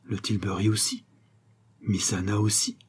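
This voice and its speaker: A man's voice: medium pitch, normal speed, mellow, breathy edge, pitched above the performer's own voice, natural voice. A man voicing an anxious, fawning male servant in an audiobook reading, humble and flustered. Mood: flustered, pleading.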